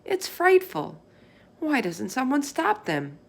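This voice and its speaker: A woman's voice: high-pitched, huge pitch swings, slow, gravelly, voice pushed up, exaggerated voice. A woman voicing a curious, polite young girl in a children's storybook, earnest and easily shocked. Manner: questioning, earnest, proper speech.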